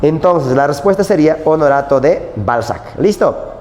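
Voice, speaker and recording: A man's voice: fairly high pitch, lively intonation, normal speed, a little mellow, slight background noise. A man teaching a literature class, talking animatedly and constantly checking in with his students. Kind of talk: prep-school lecture. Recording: long hall reverb.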